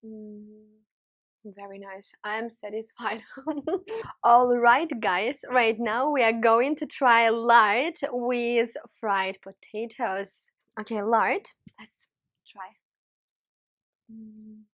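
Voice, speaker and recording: Slow-talking woman tasting food. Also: fairly high pitch, a bit bright. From Ukraine. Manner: enthusiastic, savoring food with many appreciative hums. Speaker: vlog host. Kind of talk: casual food-tasting vlog.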